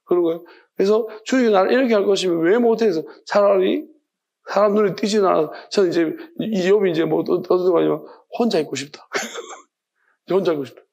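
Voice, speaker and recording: A male pastor, preaching a midweek sermon in a conversational, animated way, often laughing. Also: high voice, fairly quick, vocal fry, highs cut off.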